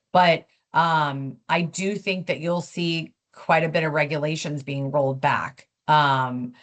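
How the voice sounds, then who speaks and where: A woman on a video call giving a policy update in a webinar, conversational and full of fillers and restarts. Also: deep voice. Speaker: policy speaker.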